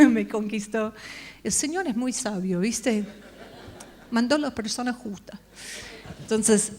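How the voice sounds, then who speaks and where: Slow, reflective woman giving a testimony. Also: mid-range voice, a little mellow. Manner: slow, reflective storytelling with tag questions. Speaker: conference speaker. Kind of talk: personal testimony sermon. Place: church conference stage.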